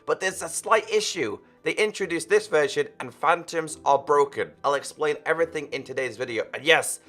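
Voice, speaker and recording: A man presenting a game update walkthrough in a lively, chatty way, his voice husky because he is losing it. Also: a little high, faint music behind. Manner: upbeat, quick, chatty. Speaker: gaming YouTuber.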